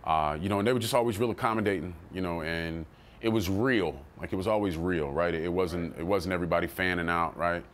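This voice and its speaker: A man talking casually in an interview about his early rap career, loose and animated, jumping into quoted voices and swearing freely. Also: sits low, brisk, a little hiss or hum. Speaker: rapper telling his story.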